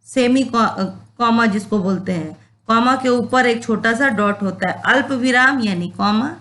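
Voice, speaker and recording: A woman teacher delivering a classroom lesson at an unhurried, deliberate pace. Her voice sits slightly high, and she explains patiently, repeats key points and checks in with her students. She slips English words in among her explanations. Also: fairly bright tone. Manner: mixes English words into Hindi. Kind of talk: classroom lesson on Hindi grammar.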